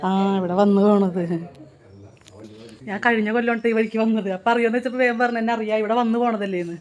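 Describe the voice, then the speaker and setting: A woman's voice: fairly high pitch, fairly even intonation, quick pace, darkish tone, highs cut off. A woman with a Thrissur Malayalam accent chatting and coaxing elders in an old age home. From Kerala. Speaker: vlogger. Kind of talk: casual vlog chat.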